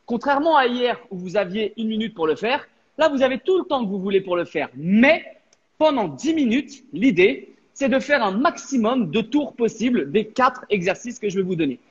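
Male coach, high voice, breathy, energetic workout instructions, echoey gym on a dull line. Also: moderate pace. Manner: energetic, counts down reps. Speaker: fitness coach. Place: empty gym. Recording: echoey, dull hall sound.

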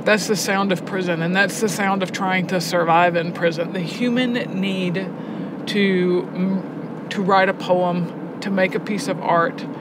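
In a steady, unhurried tone, a poetry teacher who runs a prison arts education program speaks casually in an interview. She's emphatic yet reflective, explaining things like a teacher. Clatter and rumble fill the background of this noisy location recording.

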